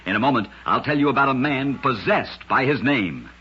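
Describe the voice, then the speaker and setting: Hosting a vintage radio show, a man narrates short scripted stories in a husky, gritty, mid-range voice. He's expressive and a little fast, with dramatic storytelling, and the old recording sounds muffled.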